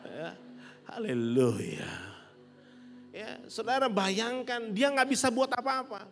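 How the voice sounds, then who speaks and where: Middle-aged pastor preaching in echoing hall. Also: male voice, very high-pitched, slow, gravelly. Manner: animated, rising to loud peaks, laughing with the congregation. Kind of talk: sermon. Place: large church hall. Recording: long church hall reverb with soft music.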